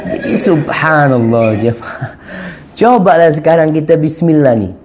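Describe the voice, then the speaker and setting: A man giving an Islamic study sermon with lively, sweeping pitch swings, mixing in Arabic phrases. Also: unhurried, background noise. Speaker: preacher. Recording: dull lo-fi lecture audio.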